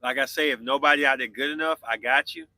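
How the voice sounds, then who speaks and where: Talking fast in a mid-range voice that sounds pushed and bright, this man in his forties hosts a podcast and answers live viewers' comments in a casual chat. There is no echo on the recording.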